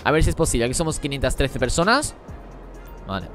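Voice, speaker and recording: A man streaming a game live, talking rapidly as he reads and answers the chat. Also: mid-range voice, very animated, over music. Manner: rapid-fire talk while reading chat. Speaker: gaming streamer.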